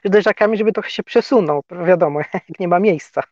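A man's voice: high voice, fairly quick, a little mellow, no room sound. A man from Poland chatting as an interview guest over a video call, hesitant, often repeating words and chuckling. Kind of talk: casual conversation. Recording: dull, muffled sound.

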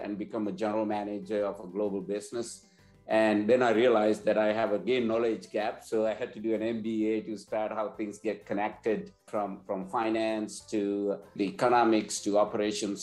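An earnest business leader from Sri Lanka, a man in his forties, is interviewed over a video call from an indoor office with a plain wall. His fairly low, slightly mellow voice comes through a webcam in an echoey room, and he often repeats words as he restarts.

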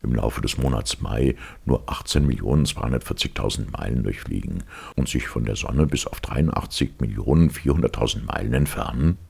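Male reader as calm captain: very low, husky, conceding. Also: brisk, heavily acted. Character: easygoing male sea captain, yielding.

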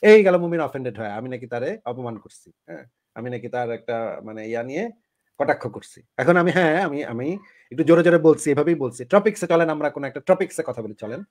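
A man's voice: on the high side, expressive, quick pace, darkish tone. A man hosting a casual live discussion, explaining at length and asking rhetorical questions.

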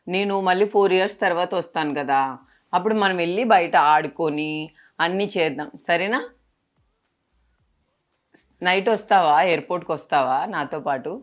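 A young woman chats in a casual vlog, her voice slightly low in pitch. She coaxes and soothes a small child in a tender, pleading tone, asking the same questions again and again. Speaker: vlogger.

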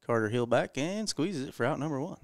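Gravelly-voiced man, chatty color commentator, dry close sound. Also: mid-range voice, animated, brisk, no room sound. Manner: joking, chatty, self-deprecating. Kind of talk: casual local sports commentary.

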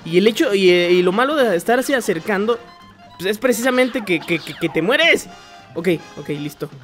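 A man giving gameplay commentary, excitable, yelping and swearing when he gets hit. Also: sits high, normal speed. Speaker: gamer. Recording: faint music behind.

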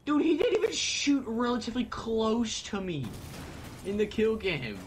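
Young male gamer, animated banter, noisy chat mic. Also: sits high. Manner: joking, quick reactions, laughs often. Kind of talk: casual gaming chat.

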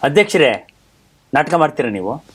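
A man hosting a talk show, introducing guests in a measured, formal way and teasing them with playful questions. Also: on the high side, big pitch swings, a bit bright, husky. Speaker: host.

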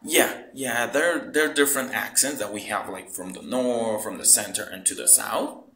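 A Mexican man, a local tour guide whose first language is Spanish, answering interview questions in halting English full of "like". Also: medium pitch, pushed and bright, roomy sound, low-quality recording. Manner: halting non-native English, frequent "like".

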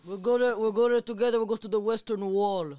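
A man chatting as a podcast guest, using an accent the others call fake and denying it deadpan. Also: high voice, fast talker, dry recording, clean studio sound. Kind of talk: casual podcast chat.

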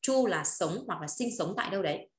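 A woman's voice: fairly low pitch, lively intonation, fast, reverberant. A woman teaching a language lesson, repeating phrases and often checking that students follow. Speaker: Chinese teacher.

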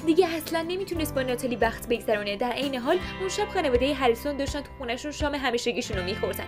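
A woman giving lively dubbed narration for an animated story. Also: high-pitched. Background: music.

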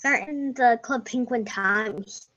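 Her voice on the high side and fairly bright, a young woman offers slow, casual and rambling commentary over a computer game. She corrects herself mid-thought and at times whispers; the desk microphone gives a dull, lo-fi home recording.

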